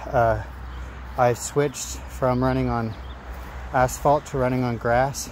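A middle-aged man talking casually to his phone outdoors in a halting, phrase-by-phrase way, as an amateur runner making a vlog. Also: medium pitch, fairly even intonation, a little mellow. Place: outdoors among trees. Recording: noisy outdoor ambience with traffic. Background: outdoor and vehicle noise.

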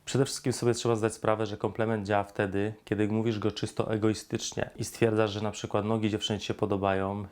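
Flat low-voiced man coaching on dating. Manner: instructive, addresses viewer directly, acts out pickup lines. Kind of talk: direct-to-camera advice talk.

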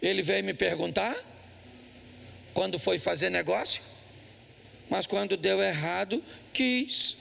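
A man's voice: sits high, takes it slowly, gravelly, pauses often, bright, forceful tone, a little hiss or hum. A man preaching a humorous sermon as pastor, quizzing the congregation with jokes. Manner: joking storyteller, quizzes the congregation. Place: church.

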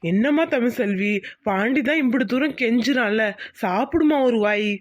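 A man's voice: very high-pitched, normal speed, dry recording, clean studio sound. A man voicing several male characters in a Tamil cartoon story, pleading and emotional.

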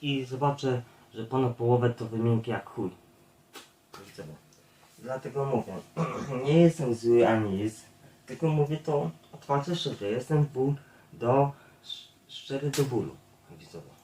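A man delivers a blunt, profanity-laced monologue straight to his viewers, addressing them again and again. His voice sits at an ordinary male pitch. He is some distance from the mic in an echoey room. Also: measured pace, mellow, slight background noise. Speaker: YouTube streamer.

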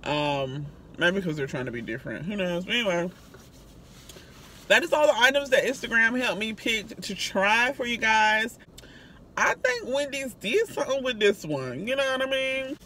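Chatty woman reviewing fast food. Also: fairly high pitch, sing-song, bright, forceful tone, slight background noise. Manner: chatty, conversational, talks straight to viewers. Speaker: food reviewer and channel host. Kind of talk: casual food review vlog.

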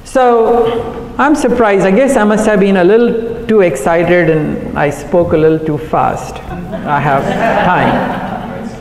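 A middle-aged man, a cardiologist, giving an earnest conference talk at a podium microphone, talking quickly with fillers and self-corrections. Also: high voice, steady tone, darkish tone, slight background noise. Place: large hotel conference room. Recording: echoey hall, recorded from afar.

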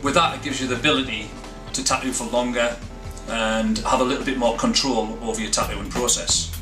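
Man pitching a product over music. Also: fairly even intonation, brisk. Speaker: machine designer in a promo. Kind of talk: product promo narration. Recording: roomy promo with music behind.

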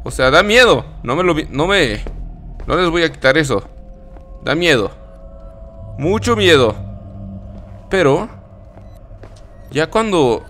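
A man's voice: on the high side, sharp tone, slight background noise. A young man commentating a horror game as he plays, reacting with swearing and nervous laughs. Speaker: gaming YouTuber.

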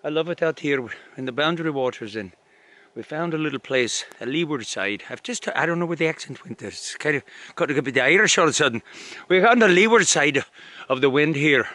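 A man's voice: a little high, animated, fairly quick, bright, forceful tone, no echo. A man vlogging casually outdoors in snowy winter woods, joking and playful as he talks. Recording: noisy outdoor camera audio.

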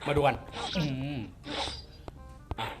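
A man reviewing a fighting game character, talking through the moves and exclaiming loudly at the flashy attacks. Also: very slow, soft background music. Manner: excitable, exclaims and gasps often. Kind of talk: excited gameplay commentary. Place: home beside a busy road.

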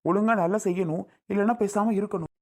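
A performer playing a fussy husband who scolds his wife, nagging and shouting questions. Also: medium pitch, steady tone, fast, natural voice. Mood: scolding. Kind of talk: comedy skit acting.

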